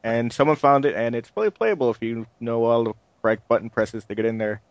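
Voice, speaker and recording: A man's voice: mid-range voice, fast talker, no room sound, highs cut off. A man co-hosting a casual video game chat show, laid-back and trailing off into shrugs. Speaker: podcast co-host.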